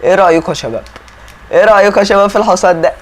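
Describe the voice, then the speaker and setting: A young man with an Egyptian Arabic accent rattles off casual gameplay commentary at a quick clip, his voice sitting a little high. He talks chattily and keeps turning to address his viewers. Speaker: gaming YouTuber.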